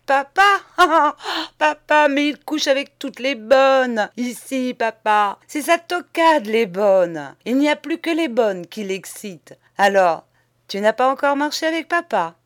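Performing a character for an audiobook, a woman takes on a spoiled, cynical young man from Paris, using a drawling Parisian accent full of gleeful mockery. She speaks unhurriedly, her voice fairly high and very animated.

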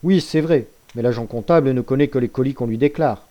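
A sly, scheming ship's accountant, as a male reader puts him on, smooth and guarded, talking his way out of every question in a storybook reading. The voice is warm and mellow, raised slightly above the narrator's own. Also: medium pitch, brisk, highs cut off, voice pushed up, close to an everyday voice. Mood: evasive.

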